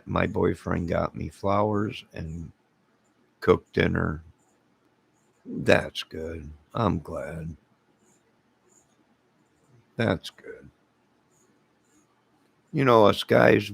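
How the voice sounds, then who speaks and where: Late at night, a middle-aged man hosts a casual livestream, greeting viewers one by one. His very low voice is deeply gravelly, hoarse from singing, and he drawls slowly as he rambles loosely.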